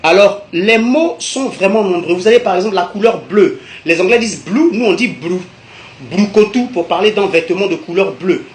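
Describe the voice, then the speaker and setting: High-voiced man teaching in an echoey room. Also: a little fast, hardly any pauses. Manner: methodical, repeats each term for emphasis. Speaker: language teacher. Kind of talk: explanatory video lesson.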